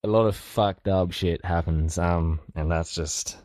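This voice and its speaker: A man's voice: low-pitched, fairly even intonation, a little slow, a little mellow, no room sound, clean studio sound. A young Australian man telling a rambling, profane story as an interview guest. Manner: profane, rambling, laid-back. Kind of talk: casual storytelling.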